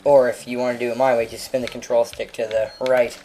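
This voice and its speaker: Young guy rambling over his gameplay, jokey and self-mocking, mid pitch. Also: flat delivery, quick pace, dark tone, faint music behind. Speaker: gameplay commentator. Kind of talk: let's play commentary.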